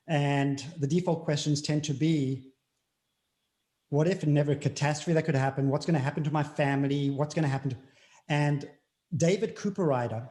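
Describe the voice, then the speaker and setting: A middle-aged man with a South African accent, speaking earnestly and deliberately in an interview, repeating key phrases for emphasis. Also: fairly high pitch, warm tone. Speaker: guest speaker. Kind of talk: reflective interview talk.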